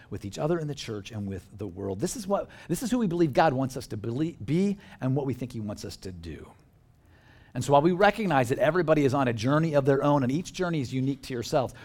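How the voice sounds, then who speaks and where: A male pastor giving a sermon, earnest and emphatic, building his points through repeated lists. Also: medium pitch.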